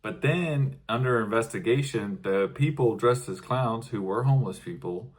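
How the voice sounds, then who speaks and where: A man's voice: medium pitch, normal speed. A man co-hosting a casual comedy podcast, reading news clippings aloud with dry, wry asides. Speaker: podcast co-host.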